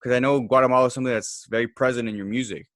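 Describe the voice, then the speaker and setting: A man's voice: mid-range voice, steady tone, rapid-fire, fairly bright tone, no echo. Man hosting a podcast, dry sound. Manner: brief, encouraging interjections. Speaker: podcast host. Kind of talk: casual interview chat.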